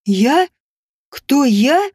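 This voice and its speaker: A woman voicing a jealous, vicious non-human bride who snarls and shouts with scorn. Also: high voice, very animated, very slow, dry recording, heavily acted. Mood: bitter. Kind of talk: audiobook character voice.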